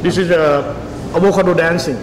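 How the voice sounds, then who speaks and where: A man's voice: fairly high pitch, steady tone, fairly quick, noisy background. A middle-aged man from Thailand, a chef and owner, explaining his dishes hesitantly with fillers. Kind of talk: casual interview answers. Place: restaurant kitchen and dining room. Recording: echoey restaurant with long reverb and crowd.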